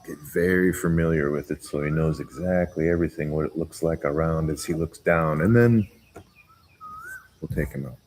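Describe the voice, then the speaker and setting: A man vlogging outdoors on a jungle farm, chatting casually in a rambling, giggly, relaxed way. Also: a bass voice, moderate pace, slight background noise. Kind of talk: casual chat.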